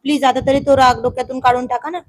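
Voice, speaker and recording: A proud young husband in a storybook tale, coaxing his sulking wife one moment and playing stern the next, as a woman narrator puts him on. He speaks in a high, light voice. The delivery is playful and pleading. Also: flat delivery, quick pace.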